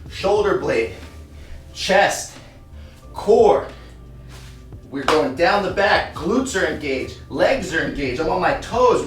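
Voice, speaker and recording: On the high side and a bit bright, this fitness coach's voice leads a workout tutorial on push-up form. He demonstrates as he explains, sometimes running short of breath, while a distant mic picks up a roomy echo.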